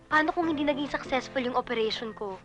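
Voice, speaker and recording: A gentle, emotional young woman waiting to learn whether she will see again. Her voice is high and bright, with faint music underneath. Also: fast talker. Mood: tender. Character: young blind woman awaiting eye surgery. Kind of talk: film acting.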